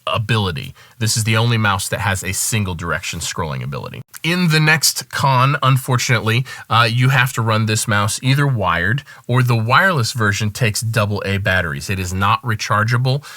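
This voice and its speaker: A man with a fairly low, bright and forceful voice walks through a gear review in a relaxed, conversational way. He lays out the pros and cons in a measured tone, and the sound is dry and close. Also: no echo. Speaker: music producer reviewing gear. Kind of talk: casual product review to camera.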